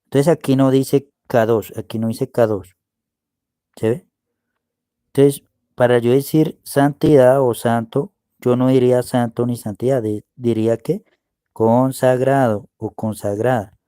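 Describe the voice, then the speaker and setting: Guy slowly going over bible words, mellow voice, dry close mic. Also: medium pitch, steady tone, clear, resonant tone, no room sound. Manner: slow, explaining, asks "¿ve?" often. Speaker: preacher teaching Hebrew words. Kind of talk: screen-share Bible word study.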